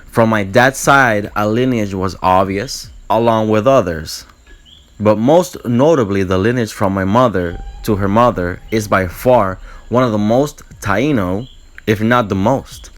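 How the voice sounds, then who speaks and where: A vlogger from Puerto Rico speaks to camera in a lowish, slightly slow voice. He reads prepared lines in an earnest, explanatory manner, delivering scripted talk for his vlog.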